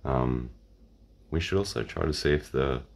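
An Australian man hosting a casual card-opening video, talking in a relaxed, rambling way through a croaky voice. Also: a bass voice, normal speed. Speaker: channel host. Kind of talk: casual unboxing chat.

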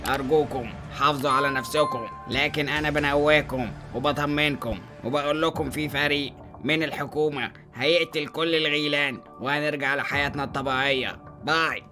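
A man's voice: on the high side, fairly even intonation, brisk, music in the background, close to an everyday voice. A man voicing a solemn TV news anchor with an Egyptian accent, announcing formally. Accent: Egyptian Arabic.

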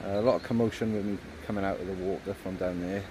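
A man in his thirties with a lowish voice, chatting in a relaxed, rambling way with plenty of ums. He films himself at arm's length beside a river, with a faint hum of outdoor sound behind him. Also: fast talker. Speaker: fishing vlogger. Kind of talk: casual outdoor vlog narration. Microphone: phone or action camera held at arm's length.

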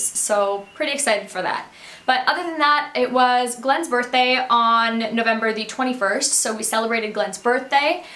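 A woman's voice: on the high side, fairly bright tone, slight background noise. Bubbly young woman chatting in an echoey room. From Canada. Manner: bubbly, chatty, rambling with fillers. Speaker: beauty vlogger. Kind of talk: casual catch-up chat to camera. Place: bedroom beauty room, indoors.

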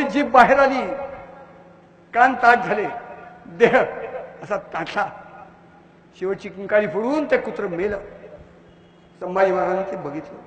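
Man ranting at a crowd, high voice, booming echo, faint hum behind. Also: a bit bright. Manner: fiery, declamatory, insulting. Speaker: public speaker. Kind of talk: impassioned public lecture. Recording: echoey hall with long reverb.

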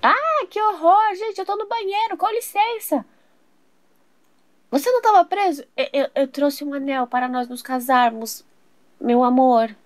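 A woman's voice: high-pitched, moderate pace, darkish tone, no echo, faint music behind, close to an everyday voice. A woman voicing a flustered mother who shrieks in panic in a toy doll soap opera. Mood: panicked.

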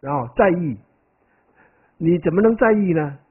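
Speaking at a normal speed in a fairly high, expressive voice, a male Buddhist monk delivers a dharma lecture. He keeps asking "right?" and wanders through animated, conversational stories. Sound quality is tinny, phone-like lo-fi.

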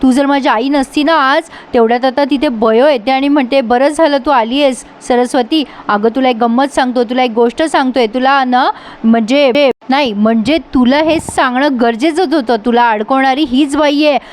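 Woman reads angry young doctor, high voice, accusing. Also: normal speed, natural voice. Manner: accusing, indignant. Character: angry young male doctor confronting his mother.

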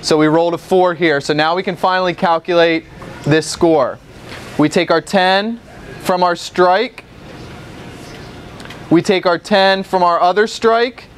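A man's voice: high-pitched, fairly even intonation, unhurried, pauses often, slight background noise. A young man giving a classroom-style lesson in a bowling alley, explaining step by step and checking in with the class after each point. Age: young adult. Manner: patient, step-by-step, checks in with "okay?" often. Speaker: instructor. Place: large indoor bowling alley. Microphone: far camera.

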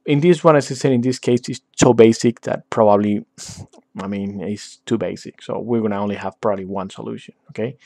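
A man's voice: lowish voice, a little fast, gravelly, warm tone, no room sound. Man narrating a screen tutorial, dry sound. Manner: frequent "okay?" check-ins and "uh" fillers. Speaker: tutorial instructor. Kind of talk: screen-recorded software tutorial.

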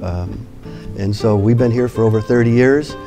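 A man in his sixties giving a seated testimonial in a measured way, with hesitant pauses. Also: lowish voice. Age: 60s. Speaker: award recipient, homeowner. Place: indoor parlor with piano. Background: prominent guitar music.

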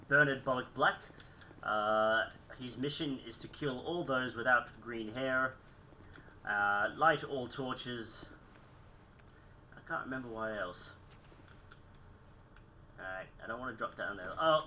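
A young man with a slightly sick, phlegmy voice hosts a gaming channel from a small room at home, chatting casually over gameplay. His mid-range voice is a little slow and sharp, with frequent pauses, on a muffled recording with a little hiss or hum. He's chatty and self-mocking, clearing his throat a lot.

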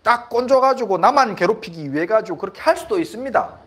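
Husky, lively-voiced monk giving a talk. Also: male voice, sits high, fast talker. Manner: conversational, asks the audience for agreement; laughs at his own stories. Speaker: Buddhist monk. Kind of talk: dharma talk.

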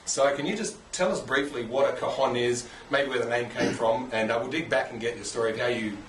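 An easygoing Australian man hosts a relaxed interview, his voice sitting at an average pitch. He sounds set back from the mic in an echoey room, with a faint hiss underneath. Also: brisk, recorded from a distance. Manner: chatty, easygoing, calls guest "man". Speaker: interview host. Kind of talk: casual interview. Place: indoors, home workshop.

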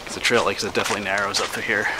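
His voice on the low side, a middle-aged vlogger from Pennsylvania talks easily as he hikes through winter woods. He stays relaxed and conversational despite being slightly out of breath and pausing to breathe, with outdoor sounds audible on the camera mic.

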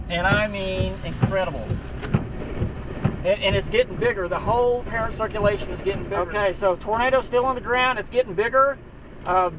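A man with a notably high voice talks excitedly while he drives, picked up on a phone video from inside the vehicle. He sounds set back from the mic, with heavy road and engine noise underneath. The talk is a running, eager play-by-play. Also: recorded from a distance. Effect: phone video recording. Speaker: storm chaser driving. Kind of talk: excited live commentary. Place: inside a vehicle on country roads. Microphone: phone camera held by a passenger.

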